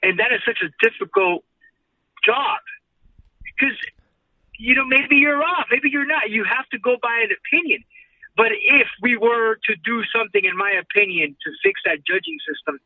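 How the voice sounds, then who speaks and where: Tinny phone-like call, distant, man, high-pitched voice, interview guest, earnest casual sports opinions. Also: animated, moderate pace, no room sound. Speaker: guest, ring announcer. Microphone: remote call.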